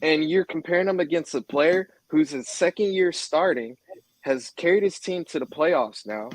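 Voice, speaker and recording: A man's voice: on the high side, moderate pace, no room sound, poor audio. Mocking man arguing sports. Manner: mocking, argumentative. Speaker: podcast co-host. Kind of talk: casual sports debate.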